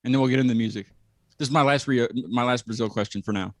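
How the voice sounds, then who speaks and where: A man's voice: medium pitch, quick pace. A man hosting a casual interview, rambling and repeating words as he searches for what to say. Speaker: podcast host.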